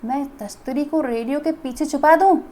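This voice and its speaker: A woman's voice: high-pitched, moderate pace, mellow, lightly acted. A woman voicing a boy named Koko, who is fond of food and fretful about hiding his rice rotis.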